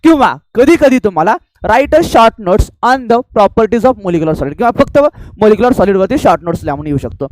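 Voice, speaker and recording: Marathi-accented guy teaching chem in class, talks quick, makes kids shout answers back, dry close sound. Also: high-pitched, no echo. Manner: call-and-response drilling, urging students to answer loudly; mixes English terms into fast classroom talk. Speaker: chemistry teacher. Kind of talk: classroom lecture.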